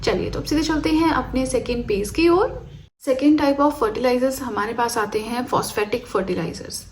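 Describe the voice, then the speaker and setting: A woman's voice: fairly high pitch, measured pace, a little hiss or hum. A woman teaching an exam-prep chemistry lecture, explaining step by step and checking in with her students.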